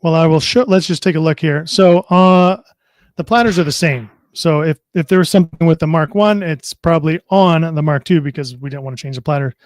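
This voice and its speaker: A man's voice: a little high, a little fast, no echo, studio quality. A man on a casual livestream, chatty and friendly, explaining gear with many fillers. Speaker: product specialist guest. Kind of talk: casual livestream chat and product demo.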